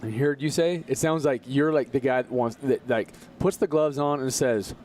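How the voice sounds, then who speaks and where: A man speaks as a podcast guest in an earnest, motivational way, often slowing right down to land a point. His voice is mellow and warm, and it sits at an ordinary middle pitch. Faint noise runs under the recording. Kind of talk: casual conversation.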